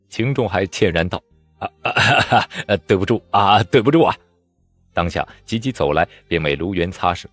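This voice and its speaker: A man giving expressive audiobook narration of a martial-arts novel. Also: fairly low pitch, dry recording. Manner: lively, expressive storytelling. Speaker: storyteller.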